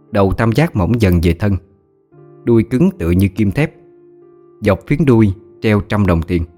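Brief: male narrator for a first-person audio story, low voice, vivid descriptive telling, faint music behind. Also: a little mellow.

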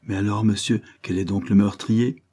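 A man's voice: fairly low pitch, little pitch movement, moderate pace, dark tone, breathy edge. A man reading aloud voices a wary, anxious woman servant who asks doubtful questions. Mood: wary questioning.

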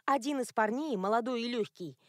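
A woman narrates an audiobook with a measured, expressive delivery. Her voice sits fairly high. The recording is dry, with no room echo. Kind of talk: scripted narration.

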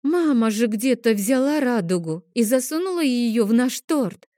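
A woman voicing an excitable, dreamy little girl who squeals and protests, in an audiobook. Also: a little high, normal speed, dry recording, clean studio sound, pitched above the performer's own voice, close to an everyday voice. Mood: indignant. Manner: squealing, wondering, indignant. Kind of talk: audiobook character voice.

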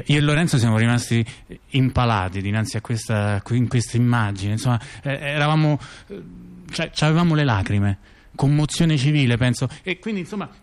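A medium-pitched man with a natural voice performs in a two-person radio theatre piece as a thoughtful intellectual remembering political events. He recounts memories haltingly and conversationally, restarting and repeating words as he goes.

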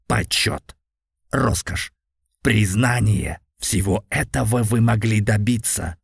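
A man's voice: fairly low pitch, vocal fry, husky, dry recording, clean studio sound, full character voice. A man voicing a huge, contemptuous cat-like demon lord in an audiobook, with a lazy, scornful, slightly growling delivery. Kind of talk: audiobook character voice.

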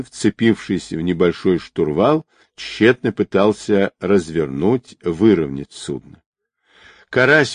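Expressive male audiobook narrator, low voice. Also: no room sound, clean studio sound.

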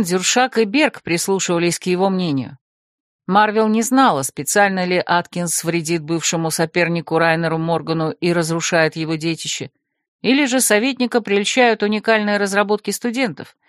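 A woman reading a novel aloud in measured, even scripted narration. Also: fairly low pitch, no room sound, clean studio sound. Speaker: audiobook narrator.

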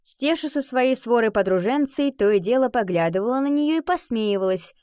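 A woman reading a story aloud as audiobook narrator, in steady storytelling. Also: fairly high pitch, moderate pace, clean tone, no room sound, clean studio sound. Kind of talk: scripted narration.

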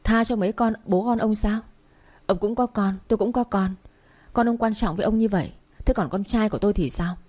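A woman's voice: lowish voice, animated, brisk, dark tone, husky. A woman reading a story aloud, voicing a firm young father who comforts his wife and confronts a man over his missing son. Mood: furious. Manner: firm, commanding.

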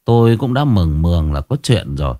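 Low, lively-voiced swaggering young shaman, played by a male narrator, often flustered; dry sound. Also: brisk, dry recording, soft background music. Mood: relieved. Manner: flustered, hesitant.

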